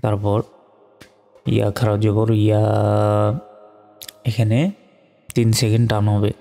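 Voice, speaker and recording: A man teaching Quran reading, slowly spelling out Arabic letter by letter and reciting the verses in a drawn-out, melodic way. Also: on the low side, level tone, vocal fry, mellow, big-room sound, soft background music.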